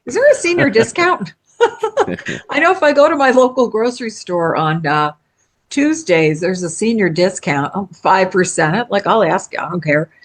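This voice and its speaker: A woman in her sixties co-hosts in easy, chatty talk, reading out listener questions and laughing readily. Her pitch sits in a middle range but swings a lot as she speaks. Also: expressive, normal speed. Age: 60s. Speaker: podcast co-host. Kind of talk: casual chat.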